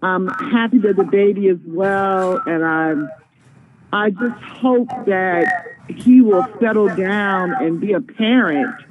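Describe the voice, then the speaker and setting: A middle-aged woman calling into a show, giving her opinion earnestly with many pauses and ums. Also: medium pitch. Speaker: caller. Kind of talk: call-in opinion. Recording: tinny phone line, crowd noise behind.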